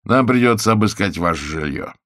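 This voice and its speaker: A formal, officious police sergeant with a low voice, coolly polite, as a narrator plays him. He is a figure in an audiobook. The sound is close and dry. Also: expressive, a little fast, a bit bright, no echo.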